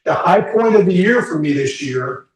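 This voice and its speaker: A man's voice: sits high, lively intonation, normal speed. A man in his sixties leading a career workshop, talking candidly with the group and asking them questions. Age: 60s. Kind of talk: informal group talk. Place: meeting room with a group. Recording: echoey room, mic far off.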